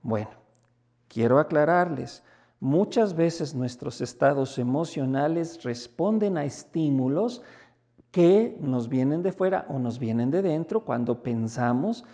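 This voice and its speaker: A man with a Mexican accent, a priest giving a spoken reflection message in a conversational manner, sometimes acting out everyday dialogues. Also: a little slow. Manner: conversational, acts out little everyday dialogues with lively pitch jumps. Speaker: priest and basilica rector.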